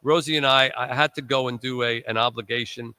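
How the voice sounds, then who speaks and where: A man's voice: mid-range voice, fairly even intonation, fairly quick, sharp tone, clean tone, dry recording. A man hosting a live charity radiothon, rambling through long thank-you lists with joking asides, his voice worn from recent illness. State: recovering from illness, voice strained. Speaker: radiothon host.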